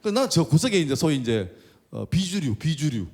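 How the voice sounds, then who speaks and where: Animated pastor with a husky voice. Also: male voice, a little high, moderate pace. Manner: animated, acts out quoted voices. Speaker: pastor and school chaplain. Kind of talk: storytelling sermon. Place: church sanctuary.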